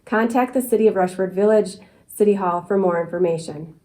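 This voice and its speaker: A woman reads scripted community news as a presenter. Her voice has a mellow, rounded tone and sits at an average pitch for a woman. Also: fairly quick. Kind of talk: scripted local news reading.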